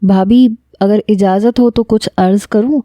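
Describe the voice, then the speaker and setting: A woman's voice: medium pitch, fairly even intonation, warm tone, no echo, highs cut off, close to an everyday voice. Cheeky joking young brother, read by a woman. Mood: teasing. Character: teasing playful young man, older brother.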